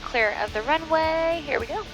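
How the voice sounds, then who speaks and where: A woman pilot talks through her preflight checks and radio calls on a cockpit headset mic, in calm, methodical callouts. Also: high voice, moderate pace, over music. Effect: pilot speaking on a cockpit headset mic. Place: small twin-engine airplane cockpit. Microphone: aviation headset.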